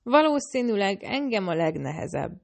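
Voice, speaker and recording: A woman's voice: mid-range voice, very animated, vocal fry, a little mellow. A woman reading the lines of a drawling, wisecracking young man in an audiobook. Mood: smug.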